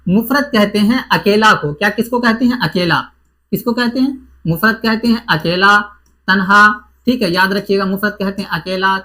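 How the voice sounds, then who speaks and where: A man's voice: high-pitched, bright, forceful tone. A man teaching an exam-prep grammar lesson, who repeats each point and asks and answers his own questions.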